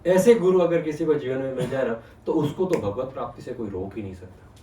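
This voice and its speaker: Speaking a little fast in a medium-pitched voice, this man retells scripture in a devotional talk and keeps asking his audience questions with animated energy. A distant mic gives the recording a roomy feel plus slight hiss or hum.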